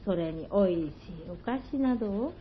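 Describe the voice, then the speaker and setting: A woman's voice: mid-range voice, lively intonation, normal speed, slight background noise, close to an everyday voice. A woman doing a sly old temple priest. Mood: smug. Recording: dull lo-fi recording.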